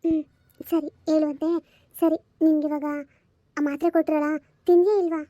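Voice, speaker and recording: A woman playing a burdened young mother who soothes her daughter softly in a homemade family drama. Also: high voice, level tone, moderate pace, no echo, studio quality, lightly acted. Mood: soothing. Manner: soft and coaxing.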